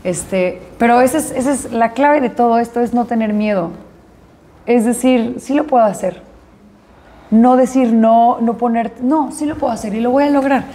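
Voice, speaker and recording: A woman actress recounting an experience in an interview, lively and acting out the dialogue in her story. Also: on the high side, moderate pace.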